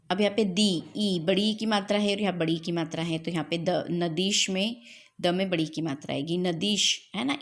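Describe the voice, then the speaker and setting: A woman teaching Hindi grammar in a lecture style, explaining step by step, checking understanding with short tags, and mixing in English words. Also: fairly low pitch.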